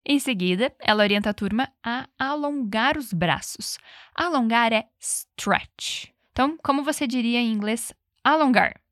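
A female teacher with a bright, somewhat high voice walks through English phrases, asking the listener to repeat after her. She delivers each example slowly and distinctly, captured in a close, dry recording with no room sound.

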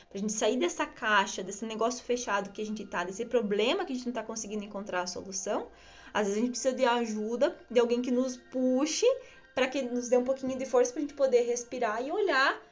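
A woman giving an earnest, reflective spiritual talk, often repeating phrases and ending thoughts with tag questions. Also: a little high. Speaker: spiritual teacher. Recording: slightly dull lo-fi sound.

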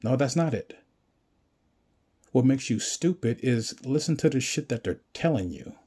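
A man's voice: mid-range voice, expressive, normal speed, dark tone, breathy edge. A man delivering a profane, confrontational rant straight at the listener and insulting them as he goes. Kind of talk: ranting monologue.

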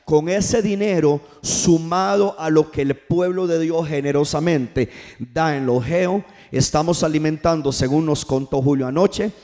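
This is a man preaching from the pulpit, drawing answers back from his congregation. He has a fairly high, darkish voice and takes his time.

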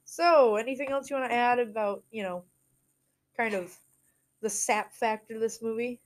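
A woman's voice: on the high side, normal speed. A woman hosting a casual movie podcast, leading the talk, reading out ratings and laughing often. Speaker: podcast host. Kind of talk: casual chat about a movie.

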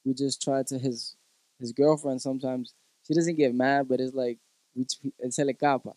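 Laid-back man with a dark voice. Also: mid-range voice, normal speed, no echo, rough recording. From Puerto Rico. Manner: relaxed, laughs often, mixes in Spanish. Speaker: musician guest. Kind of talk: casual chat.

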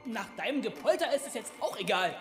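A woman's voice: fairly high pitch, lively intonation, a little fast, over music, lightly acted. A woman voicing a crude, sarcastic male crow-like creature in a comedy audio play. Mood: snappy.

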